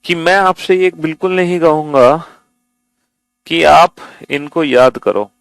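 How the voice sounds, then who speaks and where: A man's voice: a little high, takes it slowly, vocal fry, smooth, no echo. A male teacher giving a coaching-class lecture in a patient way, repeating and spelling out letters and calling the students "beta".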